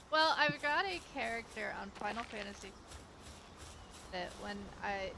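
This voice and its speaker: A woman streamer jokes and chats as she plays, with a fairly high, lively voice. She is quick to giggle. Steady background noise runs under her voice. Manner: chatty, giggly, quick to joke. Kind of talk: casual gameplay chat.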